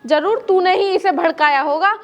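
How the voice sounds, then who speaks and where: A man's voice: moderate pace, fairly bright tone, lo-fi sound. A performer voicing a scheming old mother-in-law who nags shrilly and fakes tears, in a homemade family drama. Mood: accusing. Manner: shrill, nagging, fake crying. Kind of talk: amateur Hindi family drama.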